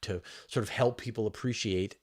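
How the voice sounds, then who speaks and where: A low-voiced man with a steady tone and moderate pace hosts a casual science Q&A livestream as a science journalist. Reading questions and answering off the cuff, he's emphatic and conversational, frequently rephrasing mid-thought.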